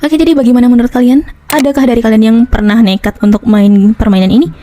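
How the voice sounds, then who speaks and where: A young woman narrating a horror story in a casual style, with dramatic pauses and chatty slang asides to her viewers. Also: fairly high pitch, fairly even intonation, dark tone, a little hiss or hum. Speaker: YouTube storyteller.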